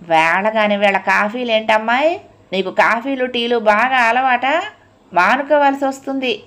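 A woman voicing a bossy elderly woman who scolds loudly and drags her words out. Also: medium pitch, lightly acted. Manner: loud, scolding, drawn-out. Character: bossy elderly woman, sharp-tongued, shouting orders.

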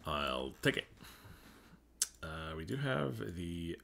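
A man's voice: deep voice, very animated, slow pace, gravelly, bright, forceful tone, slight background noise. A man giving casual commentary while he plays a game, thinking aloud and muttering to himself. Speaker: gaming streamer.

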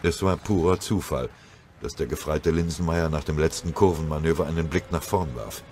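A man narrating a war audiobook in a steady, dramatic reading. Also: very deep voice, normal speed, a little hiss or hum. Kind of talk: scripted narration.

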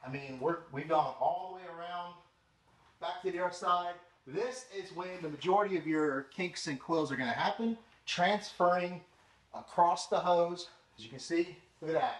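A young man runs a car-care channel and speaks in a high voice at a normal speed. He casually demos products while working with his hands in a home garage with a tiled floor, moving around as he talks to a camera mic.

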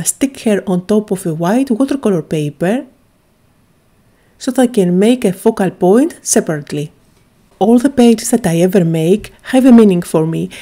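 Narrating a craft tutorial in a chatty, eager way, this woman from Greece has a dark tone and medium pitch, and her speech is sprinkled with small "uh" fillers.

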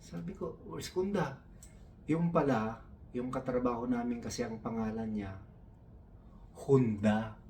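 A man's voice: mid-range voice, steady tone, a little slow, long pauses, a little mellow, distant mic, slight background noise. A man from the Philippines doing stand-up storytelling, taking on his coworkers' broken English in a raised voice. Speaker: comedian.

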